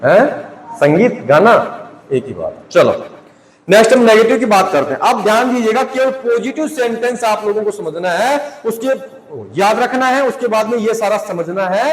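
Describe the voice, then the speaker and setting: A man with a high voice teaching a grammar class, heard in a room with long, ringing reverb. He keeps asking the class questions and then answers them himself. He spells English words out letter by letter. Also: lively intonation, normal speed.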